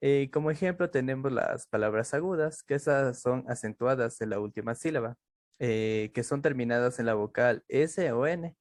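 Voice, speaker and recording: A man's voice: medium pitch, normal speed, dry recording, studio quality. Man reading a class presentation. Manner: steady reading with occasional fillers. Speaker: student presenter.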